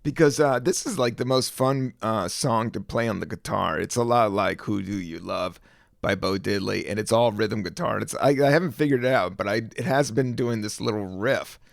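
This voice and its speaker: A man from the American South hosts his own podcast, his voice on the low side with vocal fry, moving at a moderate pace. It's a casual solo chat, rambling and laid-back, packed with fillers, and he laughs and sings snippets along the way. The studio-quality recording has no room sound.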